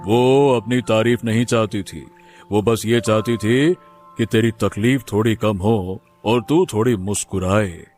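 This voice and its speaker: A man voicing a kindly, wise neighbour uncle in an animated story, gentle and consoling. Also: lowish voice, a little slow, soft background music, lightly acted. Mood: earnest. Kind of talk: Hindi cartoon voice acting.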